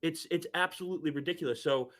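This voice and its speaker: A man's voice: a little high, fast, a bit bright. A man on a sports podcast panel, ranting bluntly in casual chat.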